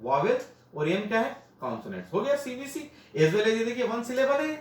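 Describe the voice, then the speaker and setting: A man's voice: very high voice, sing-song, moderate pace, reverberant. A male teacher explaining grammar at a classroom board. He repeats each point, asks questions and answers them himself, and mixes Hindi with phrases.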